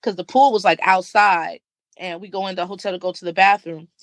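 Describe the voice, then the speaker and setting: A woman's voice: fairly low pitch, fairly quick, no room sound. A young woman, co-hosting a podcast and telling a story in casual chat, acting out the other people's lines. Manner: animated, acts out dialogue in story. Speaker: podcast co-host.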